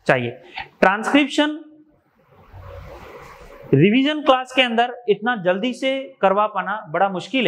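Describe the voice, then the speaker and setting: Male teacher from India, high voice, methodical and repetitive. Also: a bit bright. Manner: explains step by step, repeats key terms. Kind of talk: exam revision lecture.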